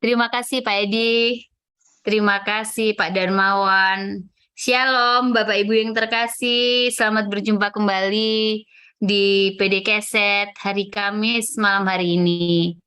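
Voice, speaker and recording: A woman's voice: medium pitch, fairly even intonation, a little slow, sharp tone, clear, resonant tone. A woman gives a personal church testimony at a prayer fellowship. She tells it in a chatty way, with fillers and acted quotes of herself. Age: 40s.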